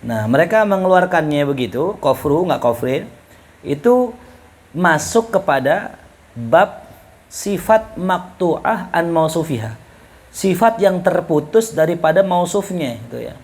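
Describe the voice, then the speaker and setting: Relaxed male teacher, jokey. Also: on the high side, a little slow. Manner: relaxed, jokey, asks students questions, reads Arabic then explains. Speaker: ustadz teaching Arabic rhetoric. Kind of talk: casual classroom lecture.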